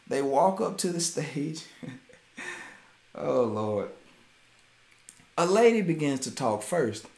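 Animated man preaching in an echoey room. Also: high-pitched, gravelly. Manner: animated, laughs often, Southern US vernacular. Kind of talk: informal sermon.

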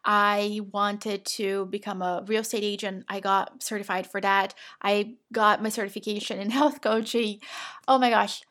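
With an encouraging, affectionate manner, this podcast host and women's business coach from Brazil addresses her listener as "my love," her Brazilian Portuguese accent reflecting her native Portuguese. Her mid-range voice is a bit bright, with fairly even intonation and a normal speed.

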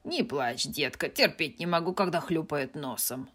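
A woman voicing a grumpy, sharp-tongued old aunt in a storybook reading, curt and scolding. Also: low-pitched, expressive, moderate pace. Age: older.

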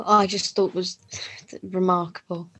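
A woman co-hosting a podcast, chatting about TV shows in a relaxed way with short replies. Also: on the low side, measured pace, breathy edge. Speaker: podcast co-host. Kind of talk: casual chat about TV shows.

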